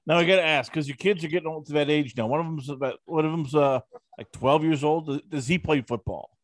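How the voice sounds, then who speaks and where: A man's voice: fairly high pitch, fairly quick, no room sound. Chatty male interviewer, dry sound. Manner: rambling, chatty questions with many fillers. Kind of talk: casual interview.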